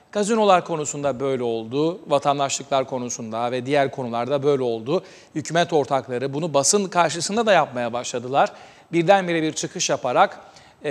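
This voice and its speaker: A man hosting a TV talk show, giving news commentary with a measured delivery and many hesitant filler sounds. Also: a little high, in a large hall.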